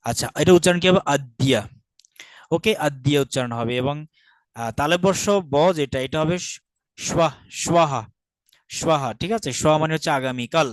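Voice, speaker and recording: A man with a Bangladeshi Bengali accent teaching a Sanskrit lesson online, patiently repeating each word slowly for pronunciation. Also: a little high, dry recording.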